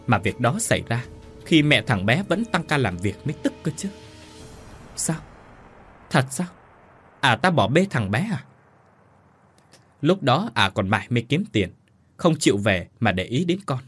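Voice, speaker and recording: A man's voice: mid-range voice, sing-song, a little slow, long pauses, a bit bright, soft background music, pitched above the performer's own voice. A man voicing a cruel, spiteful old mother-in-law who shrieks and hisses insults in a storybook tale. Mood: gossiping.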